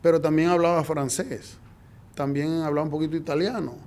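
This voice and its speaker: A middle-aged man from Venezuela, a guest in an interview, telling his story in a lively way and acting out the dialogue. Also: a little high, fairly quick. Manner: lively anecdotal, acts out quoted dialogue.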